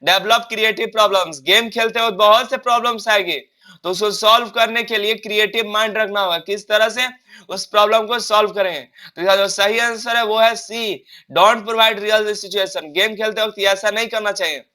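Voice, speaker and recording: Bright, high-voiced Hindi-speaking male teacher. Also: fairly even intonation, brisk. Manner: explains step by step, asks questions and answers them himself; repeats and restarts words often. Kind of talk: online exam-prep lesson.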